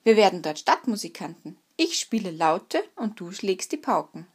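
A woman's voice: mid-range voice, big pitch swings, moderate pace, husky. A woman voicing an old, kind male donkey who leads and encourages the other animals, in a spoken fairy tale. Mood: encouraging.

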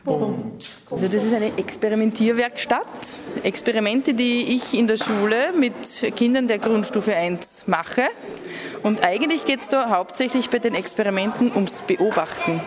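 A woman's voice: on the high side, a little slow, a crowd in the background. A woman and primary teacher thoughtfully explaining her classroom experiments.

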